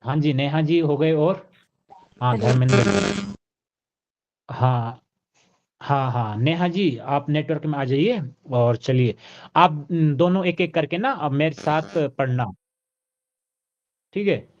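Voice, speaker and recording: Slow-paced male chanting teacher. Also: a little high, expressive, a little mellow, lo-fi sound. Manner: slow, deliberate chanting when leading. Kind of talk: online class, correcting and leading recitation.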